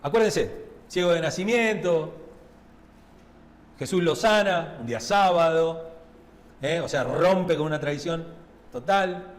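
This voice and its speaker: A man with a high voice and a Rioplatense Spanish accent preaches in a chatty, conversational way and keeps checking in with his listeners. His voice rings through a church with a long hall reverb. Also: lively intonation, unhurried, long pauses. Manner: conversational preaching with frequent tag questions. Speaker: pastor. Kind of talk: sermon. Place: church sanctuary.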